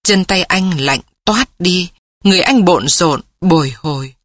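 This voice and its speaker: Chị kể truyện văn học buồn, đọc thong thả, giọng hơi hơi khàn thở, thu âm khô không vang. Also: female voice, fairly low pitch, lively intonation, a bit bright, dry recording, studio quality. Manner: slow, mournful, measured. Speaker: narrator. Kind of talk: slow literary story reading.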